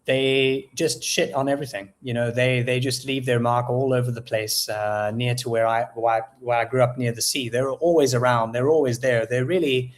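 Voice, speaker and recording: South african guy being interviewed, thoughtful, lots of um and uh while he finds his words, average pitch. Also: steady tone, moderate pace, hardly any pauses. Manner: reflective, searching for words with many fillers. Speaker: guest poet. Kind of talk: casual interview conversation.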